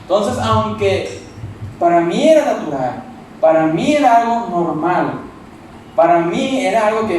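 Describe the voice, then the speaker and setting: A man from Monterrey, Mexico, with a northern Mexican accent, preaching a sermon as pastor in a loud, forceful manner. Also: sits high, heavy reverb, distant mic, slight background noise, poor audio. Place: church hall.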